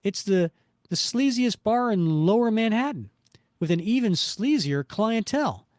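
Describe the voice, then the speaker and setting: A man performs a wisecracking comic-book superhero with a lifted, animated voice. He is confident and chatty, often thinking out loud. The sound is dry and close. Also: high voice, a little slow, dry recording, pitched above the performer's own voice. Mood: puzzled, alert. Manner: wisecracking, self-talking.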